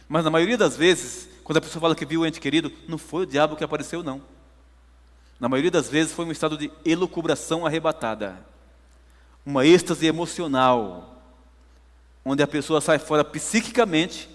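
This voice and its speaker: A man's voice: on the high side, brisk, long reverb tail. A man preaching a sermon, telling a story emphatically to his congregation. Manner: emphatic storytelling, addresses listeners as brothers.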